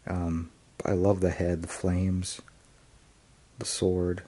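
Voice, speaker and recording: Deep, flat-voiced man reviewing a deck. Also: slow. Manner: hesitant, frequent ums and restarts. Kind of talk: casual unboxing review.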